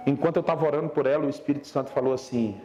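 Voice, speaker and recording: A young man from Brazil, a pastor telling a story in a Sunday sermon, swinging between loud urgent preaching and low, slow emphasis. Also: over music. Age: young adult. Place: church service.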